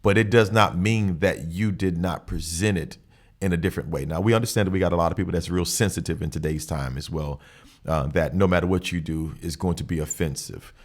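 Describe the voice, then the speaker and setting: A man's voice: low voice, brisk. A man hosting a podcast, giving an earnest, preacher-like motivational monologue and repeating phrases for emphasis. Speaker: podcast host.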